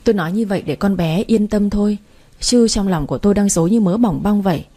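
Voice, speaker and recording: Woman, first-person story narration, mellow, breathy, even delivery. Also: mid-range voice, fast.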